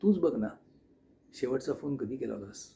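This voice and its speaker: A man voicing a gentle, forgetful elderly aunt in an audio story, drawing out her words and teasing softly. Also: mid-range voice, animated, normal speed, creaky, slight background noise, pitched below the performer's own voice. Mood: soft, wistful. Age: older.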